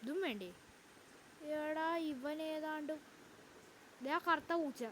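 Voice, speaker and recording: A woman's voice: sits high, slow, fairly bright tone, slight background noise. A woman YouTuber giving chatty let's-play commentary, talking to her viewers and breaking into frightened outbursts. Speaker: gaming YouTuber.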